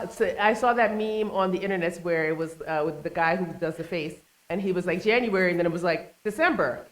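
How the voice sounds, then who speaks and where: Woman host, live stage monologue, playful and chatty with the crowd, medium pitch. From United States, family from Trinidad and Tobago. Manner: chatty, playful, teasing the audience. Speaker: talk show host. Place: small stage venue with live audience.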